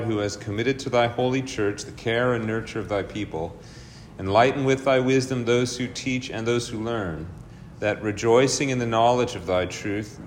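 A man teaching an adult church class and leading a prayer, often repeating words as he thinks, his voice echoing through a large church hall. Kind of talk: lecture with opening prayer. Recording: echoey hall reverb with faint rumble.

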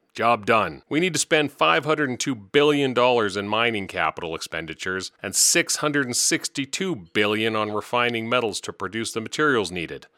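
A man's voice: lowish voice, pushed and bright, no echo. A man from Canada, hosting a podcast, giving dry, mocking commentary on the week's weird news late at night. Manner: dry, mocking, laughs at his own jokes. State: up late, tired. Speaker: podcast host.

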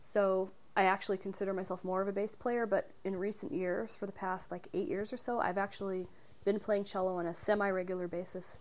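A woman's voice: medium pitch, little pitch movement, a little fast. A woman, a musician guest answering questions in an easygoing way and explaining at length. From Salem, Oregon. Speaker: guest, bass and cello player. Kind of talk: casual interview.

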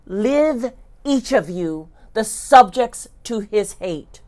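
A woman's voice: mid-range voice, lively intonation, takes it slowly, a little mellow. A woman playing a bitter deposed queen who curses her enemies in declaimed classical verse.

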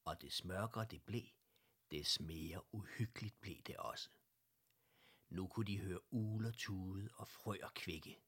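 A man reads a bedtime story aloud in a low, husky voice. He takes it gently and slowly and sometimes sinks into a hushed whisper. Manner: gentle, slow, slips into whispers. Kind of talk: reading a children's story aloud.

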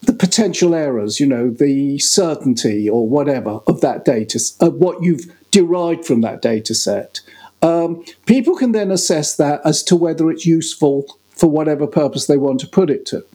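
A male podcast guest explaining his views in a measured, explanatory way. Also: fairly high pitch, expressive, warm tone. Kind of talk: casual podcast conversation.

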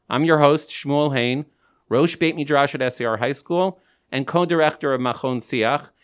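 A man hosts an interview podcast in a medium-pitched voice. He speaks through a face mask, so his words come slightly muffled. His delivery is that of a prepared presenter introducing and questioning a guest. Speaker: podcast host. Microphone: podcast microphone, through a face mask.

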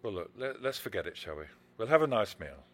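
An actor playing an ordinary, attentive husband in a naturalistic drama, soothing and slightly hesitant. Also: male voice, fairly low pitch, big pitch swings, quick pace. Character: attentive, placating husband, an ordinary office worker.

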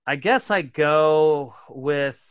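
A man's voice: on the high side, drawn-out words, a bit bright, smooth, no echo. A man co-hosting a casual sports podcast, chatty and self-deprecating, often restarting his sentences. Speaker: podcast co-host.

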